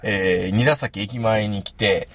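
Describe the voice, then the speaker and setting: A man's voice: on the low side, steady tone, slow, a bit bright, dry recording. A man hosting a casual chat show with dry, self-mocking humor. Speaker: host.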